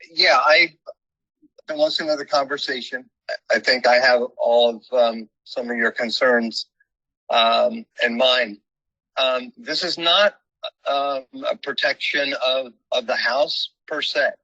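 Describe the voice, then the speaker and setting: A man heard over a phone held up to a meeting, speaking haltingly with many pauses and restarts as he explains a project to a commission. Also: medium pitch, steady tone, sharp tone, dry recording. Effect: heard over a phone held up to the room. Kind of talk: public meeting remarks. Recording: muffled phone speaker audio.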